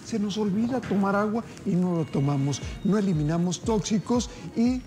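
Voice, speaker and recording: Upbeat TV cooking host, mellow voice. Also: male voice, high voice, normal speed. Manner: upbeat, folksy, addresses viewers as family. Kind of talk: TV cooking segment, addressing viewers. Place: TV studio kitchen set. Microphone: lapel mic.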